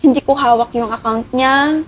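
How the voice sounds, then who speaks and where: A woman's voice: high-pitched, steady tone, normal speed, slight background noise. A woman being interviewed, politely recounting a painful story while close to tears. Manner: polite, addresses interviewer as ma'am. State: emotional, near tears. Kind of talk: tearful personal account.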